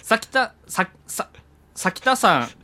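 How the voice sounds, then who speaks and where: A man's voice: high-pitched, very animated, slow pace, sharp tone. A young man co-hosting a casual show, reading listener mail aloud in an imitated, slightly off Osaka dialect. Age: young adult.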